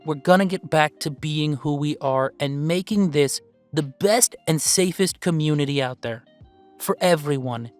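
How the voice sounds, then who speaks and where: In an audio roleplay, a woman voices a young male werewolf streamer who is soft-hearted and excitable, chatting to viewers in halting, heartfelt, informal talk. Her voice sits low and sounds warm and resolved, with no room sound and faint music behind.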